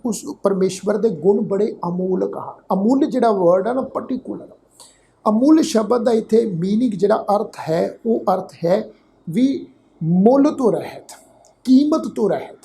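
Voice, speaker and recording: A man teaching scripture pronunciation, spelling out letters and vowel marks and then saying each word slowly. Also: sits high, gravelly, warm tone, a little hiss or hum. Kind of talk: slow line-by-line scripture pronunciation lesson.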